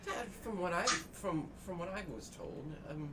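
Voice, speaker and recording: A man's voice: sits high, animated, normal speed. A man playing a tabletop fantasy game, improvising in-character talk in hesitant, broken phrases. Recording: clear background noise.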